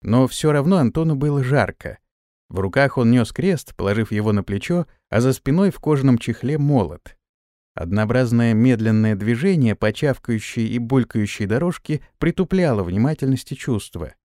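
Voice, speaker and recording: Male narrator, steady storytelling, lively pitch, dry close sound. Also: moderate pace, no room sound. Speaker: audiobook narrator. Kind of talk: scripted narration.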